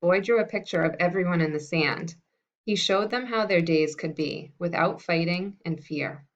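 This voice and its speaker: A woman teacher talking to fifth graders and reading a picture book aloud in a friendly, unhurried way. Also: fairly low pitch. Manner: friendly and unhurried, with some fillers. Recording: dull lo-fi recording.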